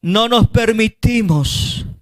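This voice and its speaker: A male pastor with a Colombian Spanish accent preaching a passionate sermon, rising to shouts and acting out the voices of parents and children. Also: high-pitched, takes it slowly, no echo.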